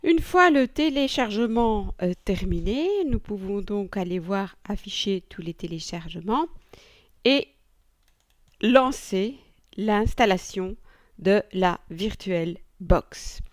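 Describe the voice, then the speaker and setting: A woman teacher walking students through a software installation step by step, chatty and joking as she goes. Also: medium pitch, takes it slowly, no echo, clean studio sound. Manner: chatty, thinking aloud with fillers and little jokes. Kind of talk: screen-recorded software tutorial.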